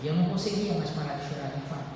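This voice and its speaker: A woman's voice: deep voice, rapid-fire, background noise. A woman giving a heartfelt personal testimony at a church service, often addressing the congregation directly. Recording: echoey church hall from far off.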